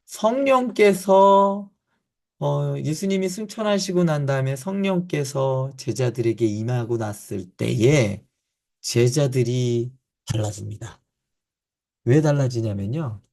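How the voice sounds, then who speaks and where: A male pastor giving a Bible teaching to church leaders, often asking questions and then answering them himself, with frequent pauses and fillers. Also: medium pitch, animated, gravelly, warm tone.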